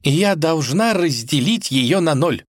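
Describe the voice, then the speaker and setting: A woman's voice: low-pitched, very animated, measured pace, no echo, studio quality, pitched above the performer's own voice. A man reading a fairy tale aloud and voicing a stubborn young princess with a raised, insistent voice. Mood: determined. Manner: insistent, stamps her foot.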